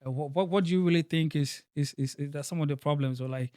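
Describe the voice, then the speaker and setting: A man's voice: fairly high pitch, quick pace, warm tone, clean tone, dry recording, studio quality. A man hosting a casual panel discussion, who often repeats words and leans on fillers. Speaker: podcast host. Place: in Germany.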